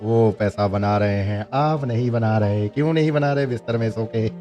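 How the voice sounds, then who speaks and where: A man with a somewhat low voice giving casual commentary as a host. He often chuckles and poses rhetorical questions to his listeners. Faint music plays under his voice. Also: a little slow, highs cut off. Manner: chuckles often, asks rhetorical questions, mixes in English phrases.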